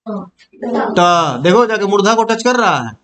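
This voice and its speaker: Against a crowd in the background, a young man talks fast in a high, animated voice while teaching Hindi grammar classroom-style. He pronounces each sound aloud as a demonstration and often checks that his students follow.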